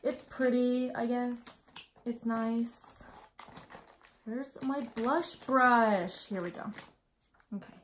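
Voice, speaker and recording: A woman's voice: on the high side, steady tone, extremely slow, long pauses, slight background noise. A woman in her twenties, tipsy from wine, chatting casually and scatterbrained through a makeup tutorial, muttering self-deprecating asides to herself. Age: 20s. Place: small indoor room at home.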